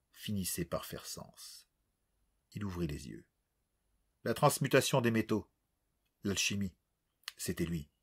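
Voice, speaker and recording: A man narrating an audiobook with expressive, dramatic storytelling. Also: lowish voice, husky.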